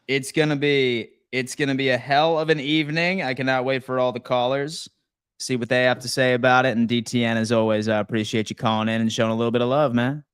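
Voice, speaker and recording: A man's voice: medium pitch, flat delivery, fast, clear, resonant tone, no echo. Hyped man hosting a call-in stream. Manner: hyped, slangy, keeps saying "man". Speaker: live-stream call-in show host. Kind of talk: casual call-in chat.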